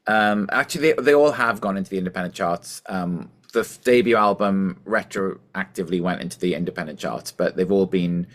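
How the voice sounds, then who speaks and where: A man with a softened Welsh accent talks easily in an interview, rambling a little with fillers and self-deprecating asides. His voice sits fairly low. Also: fairly quick, hardly any pauses. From Wales. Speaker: musician guest. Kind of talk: casual interview chat.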